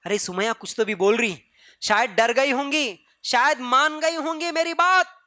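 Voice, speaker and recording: A man's voice: extremely high pitch, sharp tone, heavily acted. A man voicing a cruel male persecutor who barks repeated commands, in a Deccani Urdu accent. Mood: gloating.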